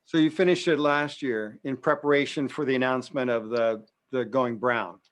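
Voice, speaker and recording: A man's voice: mid-range voice, moderate pace. A man on a video call, asking friendly, probing follow-up questions during a casual Q&A. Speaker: audience member asking questions.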